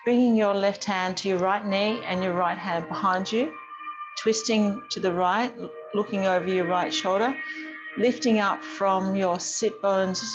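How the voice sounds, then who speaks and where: A woman teaches a gentle yoga class, guiding students in a calm, soothing, gently instructive way. Her voice is medium in pitch, and the audio sounds dull.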